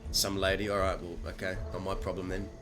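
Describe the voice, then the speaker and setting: A man playing his character in a western roleplay stream, urgent and quick to give orders. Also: low voice, flat delivery, music in the background.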